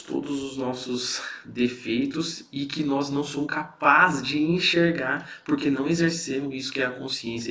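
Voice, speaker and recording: A man's voice: medium pitch, vocal fry, fairly bright tone. A man with a Brazilian Portuguese accent giving a casual spiritual lesson, explaining in a conversational way and often checking in with his listeners. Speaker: spiritual teacher.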